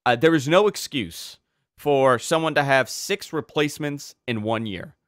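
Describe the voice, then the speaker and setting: A man hosting a podcast, telling stories in an animated way and repeating words when he gets excited. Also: mid-range voice, a little slow, no echo, studio quality. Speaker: podcast host. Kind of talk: casual podcast chat.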